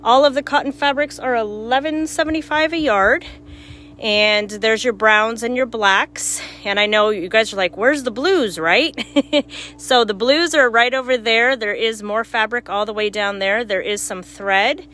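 A woman's voice: a little high, a little slow, a bit bright. A woman giving a casual walk-through tour of a shop's goods as a store worker. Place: small cluttered shop, indoors. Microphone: handheld phone.

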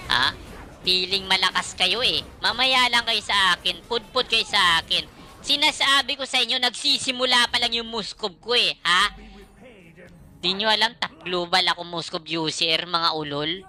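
A woman streamer giving excitable, foul-mouthed live commentary on her own gameplay, trash-talking her opponents. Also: medium pitch, normal speed, soft background music. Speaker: gaming streamer.

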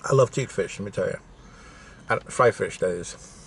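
A man in his forties chatting casually to camera in a food video, talking between bites as he eats crispy food inside a car. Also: lowish voice, moderate pace. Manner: talking with mouth full between bites while eating crispy fish and chips. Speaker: food vlogger. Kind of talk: casual eating-show chat to camera. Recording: noisy in-car camera audio.

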